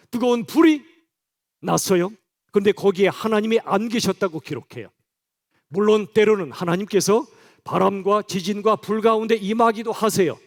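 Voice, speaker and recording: A male pastor preaching a sermon in church, speaking directly and conversationally to his congregation. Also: sits high.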